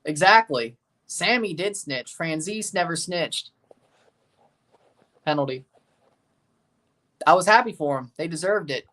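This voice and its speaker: A Southern American man streams a live match watchalong, chatting loosely and rambling with some mild cursing. His voice is a little high, bright and forceful, expressive, with a measured pace and long pauses, and he sits a bit far from the mic.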